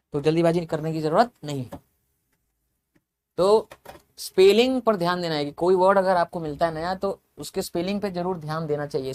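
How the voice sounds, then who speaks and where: A man teaching English vocabulary in a lecture, explaining step by step, spelling words out letter by letter and repeating them. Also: a little high. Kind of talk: classroom lecture.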